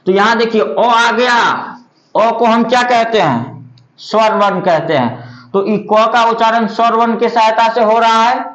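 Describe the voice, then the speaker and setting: A man teaching grammar, explaining step by step, drawing out letter sounds slowly and asking himself rhetorical questions. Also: very high voice, fairly bright tone. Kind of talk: classroom-style explanation. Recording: echoey room, dull lo-fi audio.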